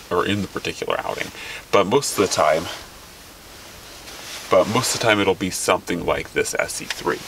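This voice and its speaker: A young man casually walking through his outdoor gear from the back of a vehicle, rambling and correcting himself as he goes. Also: low voice. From Alaska. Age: young adult. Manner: rambling, self-correcting, enthusiastic about gear. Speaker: outdoors vlogger. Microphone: camera a few feet away. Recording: distant mic with clear background noise.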